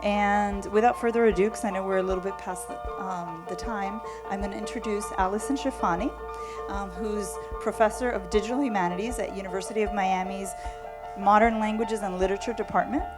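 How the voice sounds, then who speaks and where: Upbeat woman over loud music. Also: medium pitch, fairly even intonation, a little fast. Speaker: event organizer introducing panel.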